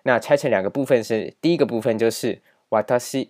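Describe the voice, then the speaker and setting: A man's voice: medium pitch, fairly quick, darkish tone. A man teaching a grammar lesson over slides, explaining patiently and repeating key points with many filler particles. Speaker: language teacher.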